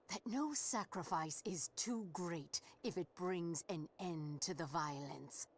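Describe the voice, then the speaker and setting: A woman's voice: on the low side, slight background noise. A woman voicing a grave female war leader in a game cutscene, solemn and scornful, dropping into whispers at times.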